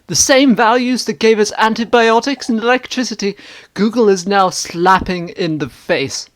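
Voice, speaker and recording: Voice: mid-range voice, moderate pace, pitched above the performer's own voice, lightly acted. A performer playing a hammy, indignant stage actor, declaiming internet comments in a grandiose, theatrical way. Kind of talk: dramatic reading of internet comments.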